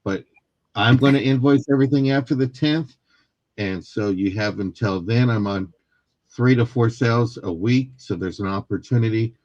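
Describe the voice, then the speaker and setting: A man in a live sale chat lays out the shop rules with jokes and easy laughter. His mid-pitched voice comes through dull and dry, with a muffled lo-fi sound. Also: normal speed, a little mellow, no echo. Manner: joking, reassuring, laughs often. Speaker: seller explaining shop rules.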